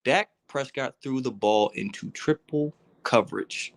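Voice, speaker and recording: On a casual sports podcast, the host speaks unhurriedly in a medium-pitched voice while ranting heatedly. He's exasperated, swears, and needles his co-hosts.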